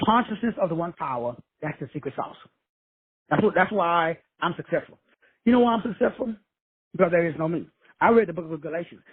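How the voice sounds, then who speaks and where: Over a dry, tinny phone connection, a husky man from Texas delivers swaggering, preachy motivational talk full of cursing and slang as host of a call-in show. He speaks a bit fast, with a highish, expressive voice and no room sound.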